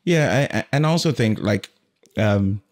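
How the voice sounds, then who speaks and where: A man hosting a casual podcast conversation, animated and rambling at times. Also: lowish voice, normal speed. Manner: animated, loses his train of thought. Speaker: podcast host.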